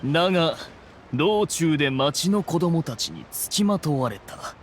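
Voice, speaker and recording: A man's voice: on the high side, lively intonation, a little slow, slight background noise. A man voicing an imperious, composed ancient immortal in human guise for an anime game, with old-fashioned grandiose wording. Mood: composed, wry. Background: faint music.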